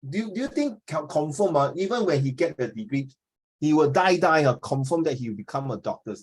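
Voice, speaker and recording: In his fifties and Singaporean-accented, this man teaches through an informal class discussion, repeating himself and checking in with questions. His voice sits fairly high and sounds animated, brisk and husky.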